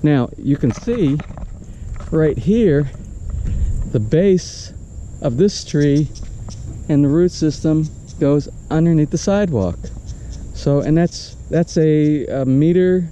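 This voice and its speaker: A man's voice: fairly high pitch, takes it slowly, mellow, a little hiss or hum. An older man walking and talking to a handheld camera outdoors, rambling casually and pointing things out, with many restarts. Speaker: vlogger. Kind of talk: casual walk-and-talk vlog. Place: outdoors on a tropical roadside lot. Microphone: action camera held at arm's length.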